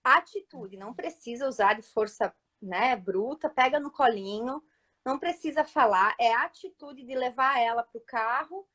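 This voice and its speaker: A mother speaking as a guest on a live talk, calmly explaining parenting advice and often checking in with her listeners. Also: a little high, moderate pace. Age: adult mother.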